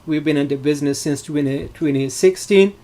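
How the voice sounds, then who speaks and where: A man's voice: a little high, a little fast, mellow. A middle-aged man from Morocco who teaches data science, walking students through an online course with an explanatory manner, frequent fillers and restarts. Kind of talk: live online class walkthrough.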